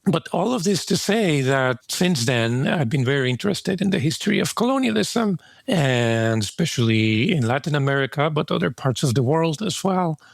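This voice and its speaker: A man's voice: fairly high pitch, very animated, moderate pace, vocal fry, few pauses, no echo. A man from Mexico, a guest author, answering interview questions in a reflective way, with fillers and restarts.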